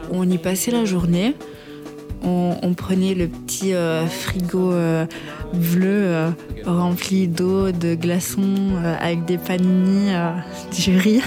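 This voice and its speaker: Jeune femme hésitante, italien, posée. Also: female voice, on the low side, flat delivery, takes it slowly, over music. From Italy. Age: 20s. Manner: hesitant, many fillers. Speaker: interviewee. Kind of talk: documentary interview.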